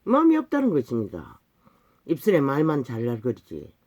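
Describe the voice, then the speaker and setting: A man preaching a fiery sermon with a Gyeongsang accent, alternating slow solemn scripture recitation with shouted denunciations. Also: mid-range voice, wildly swooping pitch. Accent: Gyeongsang Korean.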